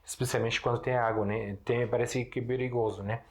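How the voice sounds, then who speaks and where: Guy teaching words, easygoing, keeps asking "right?", mid pitch. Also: steady tone. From Syria. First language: Arabic. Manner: explains slowly, writes on a board, checks in with "né?". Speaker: Arabic teacher. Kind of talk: casual language lesson.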